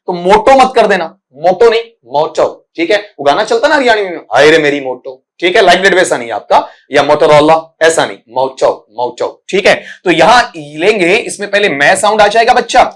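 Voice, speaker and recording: A male English teacher giving a recorded exam-prep lesson, patiently explaining and drilling pronunciation sound by sound while calling his students "beta". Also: on the high side. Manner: patient, explanatory, calls students "beta", frequent "thik hai" check-ins.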